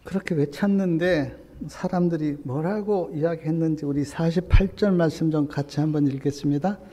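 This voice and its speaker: A male pastor delivers a sermon at normal speed in a fairly high, mellow voice, moving from soft, low asides to loud, emphatic appeals. The church hall gives his voice a long reverb.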